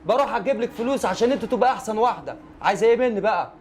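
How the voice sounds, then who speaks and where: Brief: man doing a worn-out, irritable Egyptian dad, high for a man, quick talker. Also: expressive, a little hiss or hum. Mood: irritated. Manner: irritated, scolding, dismissive. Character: tired, grumpy working father.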